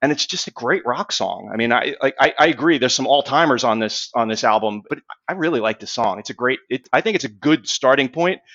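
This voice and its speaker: A man's voice: medium pitch, expressive, fairly quick, few pauses, fairly bright tone, dry recording, dull audio. A man co-hosting a podcast, talking eagerly about music and often repeating words as he restarts. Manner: enthusiastic, stammering restarts. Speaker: podcast co-host. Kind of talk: casual music chat.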